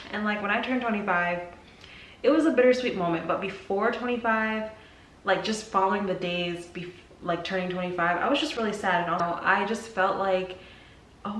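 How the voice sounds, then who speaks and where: Sitting far from the mic, a woman in her mid twenties vlogs casually at a medium pitch, with an echoey room and faint background noise around her. Her chit-chat is candid and full of slang, and she animatedly dramatizes her thoughts in small acted asides.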